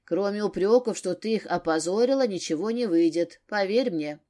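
A woman's voice: medium pitch, normal speed, warm tone, lightly acted. A woman reading an audiobook, voicing a grumbling, disgruntled husband. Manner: grumbling, muttering.

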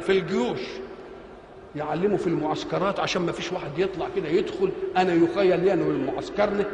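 Older man, Egyptian accent, high-pitched voice, scripture lesson, quizzes the audience and answers himself, long hall reverb. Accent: Egyptian Arabic. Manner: asks rhetorical questions and answers them himself. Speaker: religious scholar. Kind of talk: colloquial Quran exegesis lesson. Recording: reverberant hall with faint background noise.

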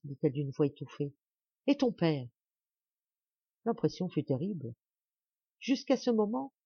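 A woman's voice: medium pitch, mellow, dry recording, lo-fi sound. A woman narrating an audiobook of a classic novel with dramatic, varied intonation.

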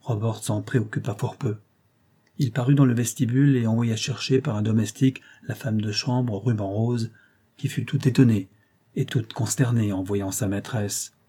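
A male narrator reads a classic novel aloud in a measured, steady storytelling voice. His tone is mellow and soft, with a husky edge to it. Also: on the low side. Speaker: audiobook narrator. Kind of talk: audiobook reading of a classic novel.

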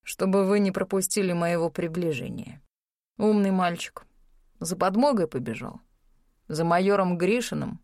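A woman reading an audiobook voices a cold, sneering male criminal who mutters low threats. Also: normal speed, darkish tone, dry recording, clean studio sound, natural voice. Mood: menacing.

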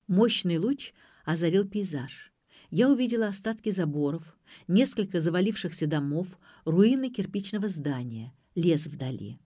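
A woman reading a novel aloud in the first person, with even, measured storytelling. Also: on the low side, no room sound, clean studio sound. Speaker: audiobook reader.

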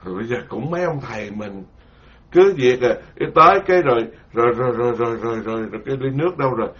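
Speaking fast in a mid-range voice, this male monk lecturer wanders through an informal Buddhist dharma talk. He mocks himself freely and animates his stories by voicing other people, all on a dull, lo-fi recording.

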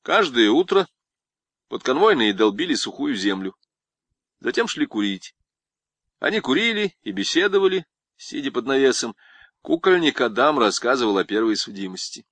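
A man narrating an audiobook in an expressive, ironic storytelling manner. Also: mid-range voice, moderate pace, pauses often, no room sound.

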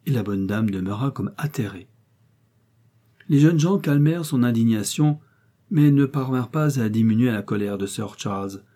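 A man reading a classic novel aloud as an audiobook narrator, in a measured, expressive way. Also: mid-range voice, husky.

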